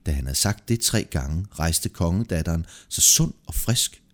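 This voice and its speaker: A man narrating a folk tale aloud in a lively, expressive storytelling manner. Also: deep voice.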